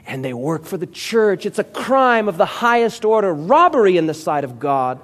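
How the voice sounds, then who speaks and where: A man's voice: sits high, sing-song, moderate pace, fairly bright tone. A male pastor preaching a sermon with emphatic storytelling and calls for amen.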